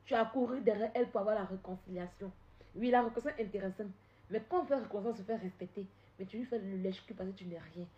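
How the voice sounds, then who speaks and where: A woman on a live stream, confrontational and repetitive, swinging from loud outbursts to low scolding. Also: rapid-fire, lo-fi sound. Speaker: social media live streamer. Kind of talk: heated live-stream rant.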